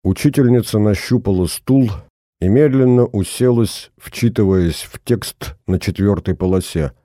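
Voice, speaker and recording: Низкий мягкий мужской голос чтеца. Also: male voice, on the low side, unhurried, dark tone, no echo, studio quality. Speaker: audiobook narrator. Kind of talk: first-person audiobook narration.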